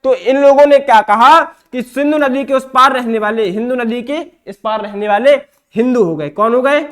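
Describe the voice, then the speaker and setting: A man's voice: extremely high pitch, moderate pace, a bit bright. A male teacher with an eastern Uttar Pradesh Hindi accent giving an exam-prep lecture, often asking questions and answering them himself. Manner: repeats himself, asks and answers his own questions.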